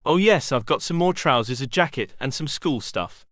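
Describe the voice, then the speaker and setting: A man voicing a shy new boy in a children's home, who speaks quietly and hesitantly. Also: mid-range voice, lively intonation, moderate pace, dry recording, clean studio sound, natural voice.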